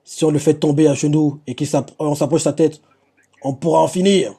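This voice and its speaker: A man voicing a merciless pirate commander, reading the lines slowly and deliberately. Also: on the high side, steady tone, mellow, slightly rough. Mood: cold. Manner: slow, deliberate line reading.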